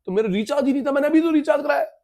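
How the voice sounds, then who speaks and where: A woman's voice: medium pitch, sing-song, slow, creaky, a little mellow, breathy edge, exaggerated voice. A man voicing a defensive teenage girl who whines back at her scolding mother. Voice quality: defensive, whiny.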